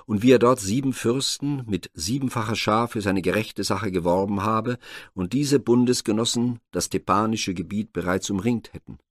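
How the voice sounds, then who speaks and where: A man narrating a classic Greek myth as a scripted audiobook reading, measured and formal. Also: lowish voice, dry recording, clean studio sound.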